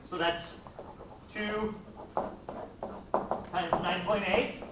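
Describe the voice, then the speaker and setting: A man's voice: high voice, fairly even intonation, drawn-out words. A male physics teacher lecturing a class, often checking in with "right?" and "okay?". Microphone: camera at a distance. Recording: echoey classroom, distant mic, faint noise.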